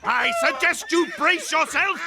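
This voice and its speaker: A man voicing a pompous, scheming, short-tempered reptilian villain king in an animated cartoon, with a bombastic, imperious, exasperated delivery. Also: very high voice, a little slow, creaky, crowd noise, full character voice. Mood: outraged. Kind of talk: theatrical animated cartoon acting. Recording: cartoon soundtrack with loud music behind.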